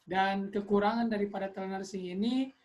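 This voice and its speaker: A woman playing a telehealth nurse, speaking in a polite, explanatory customer service manner with halting repetitions. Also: mid-range voice, steady tone, darkish tone, lightly acted. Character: polite telehealth nurse taking a patient's call. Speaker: telenursing nurse in a practice role-play. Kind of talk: role-played customer service call. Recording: faint background noise.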